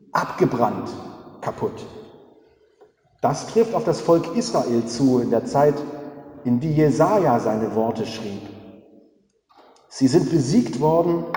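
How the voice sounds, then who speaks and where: Guy giving a sermon, warm mellow voice, lots of rhetorical questions and refrains, big church echo. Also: a little high, animated, slow pace, pauses often. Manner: rhetorical questions and repeated three-word refrains. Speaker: preacher. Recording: echoey church with long reverb.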